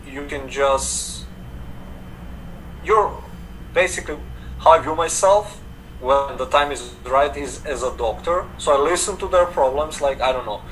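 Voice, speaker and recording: This young affiliate marketer from Serbia, a native Serbian speaker with the accent to match, has a voice on the high side and an unhurried delivery. He chats easily as a guest in a video call interview, leaning on "like" as a filler and gesturing while he speaks. The audio comes from a distant webcam mic in an indoor home room, with air conditioner hum audible.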